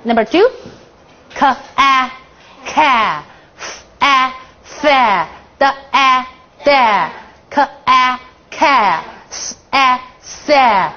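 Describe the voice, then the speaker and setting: High-voiced woman teaching a phonics class. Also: expressive, sharp tone. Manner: drills the class with counted chants and quick questions; playful, teasing questions. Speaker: English teacher. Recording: dull lo-fi classroom recording.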